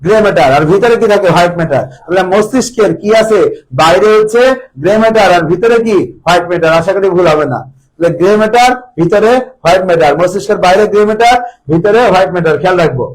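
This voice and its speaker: A man's voice: sits high, racing, rough recording. A man tutoring biology for exam preparation, repeating each term and quizzing his students on it. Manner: drills terms by repeating them and quizzing students. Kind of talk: exam-prep lecture.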